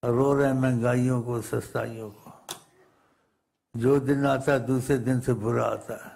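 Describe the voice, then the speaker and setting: A man preaching in a Pakistani Urdu accent, his voice gravelly with fry and dark in tone. He tells a long story and speaks the lines of the people in it, counting off numbers over and over. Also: mid-range voice, fairly even intonation. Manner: storytelling sermon, acting out quoted voices, repetitive counting. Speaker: religious teacher. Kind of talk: sermon storytelling.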